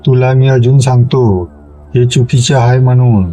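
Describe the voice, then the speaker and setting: A man's voice: mid-range voice, fairly even intonation, unhurried, warm tone, faint music behind, natural voice. A man voicing a menacing male demon spirit in a spoken horror story, talking in a growling, cackling manner.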